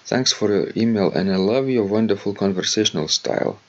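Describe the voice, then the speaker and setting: A Lithuanian podcast co-host with a Lithuanian accent chats casually and hesitantly, filling pauses often, and reads a listener's letter aloud. His voice sits on the low side and moves briskly, though the recording is muffled.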